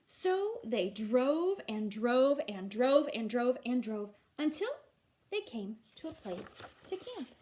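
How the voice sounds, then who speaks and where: Female teacher for children's read-aloud: high, very animated voice, expressive narration and chatty encouraging asides. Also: slow. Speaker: teacher reading aloud to class.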